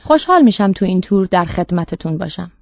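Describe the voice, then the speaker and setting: A woman's voice: lowish voice, big pitch swings, gravelly, no echo. A woman voicing a creepy, courteous old doctor. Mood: polite, eerie. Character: eerie older male doctor, collector of last breaths.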